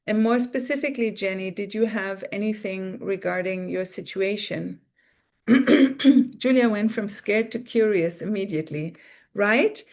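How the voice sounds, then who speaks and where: Woman, spiritual teacher on a live stream, croaky mid-range voice, soft and coaxing. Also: medium pitch, unhurried. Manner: soft and coaxing, guiding listeners inward; reads viewer comments aloud. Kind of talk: guided visualization on a live stream.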